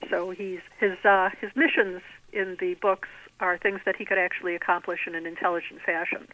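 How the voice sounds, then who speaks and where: A middle-aged woman author calls into a podcast by telephone, the line narrow and tinny, offering articulate, bookish, discursive interview answers. Her fairly low voice is delivered flatly and fairly quickly, with no room sound.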